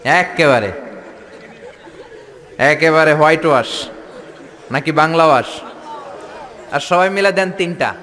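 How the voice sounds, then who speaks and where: A man's voice: on the high side, a little slow, pauses often, sharp tone. A Bangladeshi man preaching a humorous sermon to a large outdoor gathering, mimicking regional dialects and leading the crowd in chants. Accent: Bangladeshi Bengali. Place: large open-air pandal gathering. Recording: long hall-like reverb.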